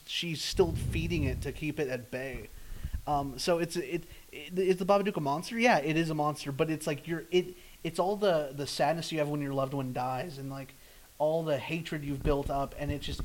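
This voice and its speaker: Man, podcast co-host, casual explainer, slightly high voice, faint background noise. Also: low-quality recording. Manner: explains at length, quick with many restarts. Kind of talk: casual movie discussion.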